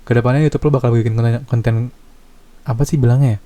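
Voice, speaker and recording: A young man with a Jakarta slang accent hosting a casual podcast chat, relaxed and searching for his words. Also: medium pitch, quick pace, dry recording. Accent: Jakarta slang Indonesian. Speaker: podcast host.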